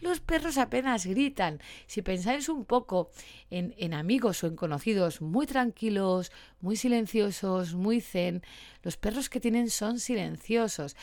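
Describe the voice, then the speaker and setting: Animated woman dog trainer, dry sound. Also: mid-range voice, dry recording. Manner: lively, animated, acts out short quoted lines. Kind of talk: casual educational talk.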